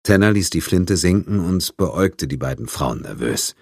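A man reads the narration of an audiobook in a measured, even way. His voice is very low and slightly husky, recorded on a close studio mic in a dry, dead space. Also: no room sound. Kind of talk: scripted narration.

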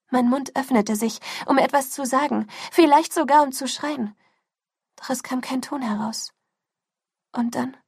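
A woman reading a first-person story as audiobook narration, sinking into a hushed whisper at tense moments. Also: a little high, vocal fry, husky, no echo, clean studio sound.

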